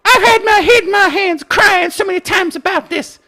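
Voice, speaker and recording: A man's voice: extremely high pitch, moderate pace, pushed and bright, pitched above the performer's own voice, heavily acted. A man voicing a whiny, sobbing complainer in a melodramatic wail, as mockery in a commentary. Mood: mock crying. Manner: wailing, melodramatic. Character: whiny, sobbing adult complainer, mockingly overdone.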